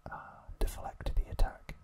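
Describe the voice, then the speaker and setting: Short, measured phrases mark this man's whispered trivia recap, given as an ASMR host in a breathy voice with no vocal tone.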